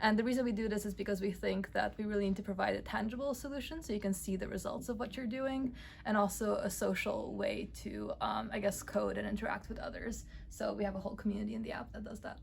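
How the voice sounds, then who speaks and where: A young woman from Romania with a slightly gravelly edge to her voice speaks at a middle pitch, easygoing and full of little fillers. She answers questions casually while walking through an office. Faint noise sits under the recording. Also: fast talker, poor audio. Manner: relaxed, many "um" and "I guess" fillers. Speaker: startup cofounder and lead developer. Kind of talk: casual interview and office tour.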